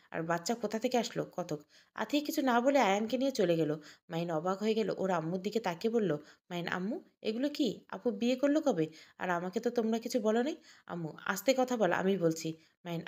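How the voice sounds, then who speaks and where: A woman's voice: medium pitch, a little mellow. A woman narrating an audio story and reading every character's lines herself, naming each speaker before the line.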